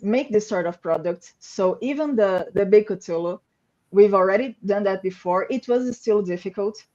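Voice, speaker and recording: A woman excitedly explaining a product on a livestream panel, with lots of "like" fillers. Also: mid-range voice, muffled recording. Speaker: game company staff member.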